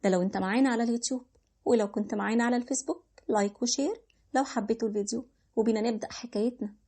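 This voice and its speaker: Fast-talking Egyptian young woman storyteller. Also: fairly high pitch, mellow, slightly rough. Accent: Egyptian Arabic. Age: 20s. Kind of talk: first-person story narration.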